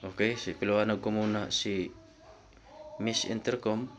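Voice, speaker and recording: A male vlogger with a fairly low, steady voice explains a topic at a moderate pace, casual and direct, as though walking friends through it and often calling his viewers "guys." Faint ambient noise can be heard in the background.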